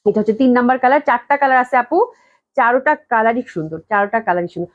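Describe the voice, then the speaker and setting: The lo-fi sound captures a clothing shop owner streaming a live dress sale from her office, her fairly high voice rapid-fire with lively intonation. She raves enthusiastically, repeats her praise, and keeps coughing as she gets over a cold.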